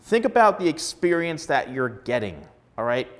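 Male stylist host, 40s, blunt and emphatic, lapel mic, slightly high voice. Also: sing-song, normal speed. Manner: emphatic, blunt, repeats words for stress. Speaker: hairstylist giving advice. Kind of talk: direct-to-camera advice vlog. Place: plain studio backdrop indoors.

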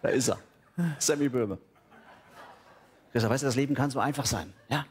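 An actor playing a vain, dim-witted male TV show host in a stage cabaret, boastful and patronizing, with sudden loud outbursts. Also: medium pitch, normal speed, husky.

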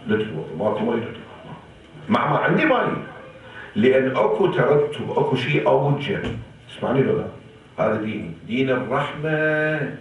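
A man's voice: a little high, lo-fi sound, slight background noise. A man with an Iraqi Arabic accent delivering an impassioned, rhetorical sermon in the hall of an Islamic center. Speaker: preacher. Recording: echoey hall from far off.

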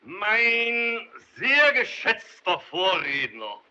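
A defense counsel facing a jeering crowd in a very high, hard, bright voice. He argues insistently and raises it to shouts to be heard. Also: big pitch swings, extremely slow, dull audio, a little hiss or hum, full character voice. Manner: insistent, shouting over hecklers. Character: dogged male defender before a hostile mob. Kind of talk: 1930s film acting.

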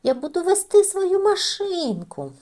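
A woman voicing a small stubborn boy mouse who insists on doing everything himself, with high, eager, childlike exclamations. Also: very animated, unhurried, mellow, heavily acted.

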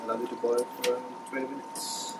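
A man's voice: mid-range voice, little pitch movement, a little fast, very noisy. Hesitant man, echoey room, far mic. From Sri Lanka. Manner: hesitant, many ums and uhs, lists ingredients. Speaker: cook showing a recipe. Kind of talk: casual cooking demonstration. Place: small indoor room, student kitchen.

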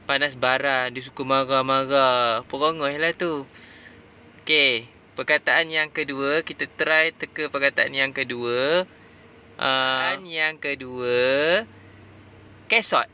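A man's voice: medium pitch, fairly even intonation, slow, pushed and bright, smooth. A Malaysian man, a father running a casual quiz for his children, prompting and explaining words simply inside a car. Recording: faint noise in a car.

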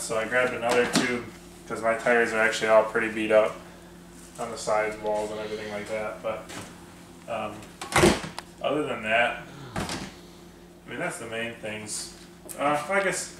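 A man casually chatting about his off-road gear, relaxed and rambling with lots of fillers. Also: mid-range voice. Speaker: off-road video host. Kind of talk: casual garage chat. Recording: echoey room with faint noise.

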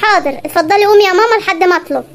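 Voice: very high voice, very fast, fairly bright tone. An exasperated young Egyptian man. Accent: Egyptian Arabic. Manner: grumbling, sarcastic. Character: exasperated young man, put-upon fiancé. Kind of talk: animated comedy sketch.

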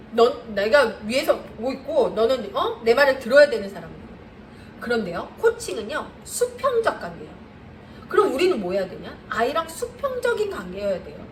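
Middle aged woman tutor talking to moms, high bouncy voice, kinda far from the mic, echoey room. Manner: animated, emphatic, laughs often. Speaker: math tutor coaching parents. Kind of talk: parenting lecture to mothers. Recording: echoey room, mic at a distance, faint noise.

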